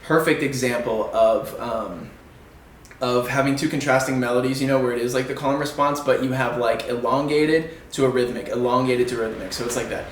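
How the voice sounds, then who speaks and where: A male music producer giving casual reaction commentary, rambling loosely with lots of fillers and sometimes singing in falsetto. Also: brisk, recorded from a distance, slight background noise. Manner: sings snippets in falsetto. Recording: roomy, off-mic, faint music behind.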